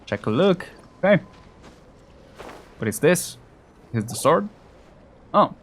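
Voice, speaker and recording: With a fairly high voice, a man hosts a gaming video, speaking slowly but very animatedly. His casual let's-play commentary is offhand and chuckly, full of muttered asides as he plays over game music.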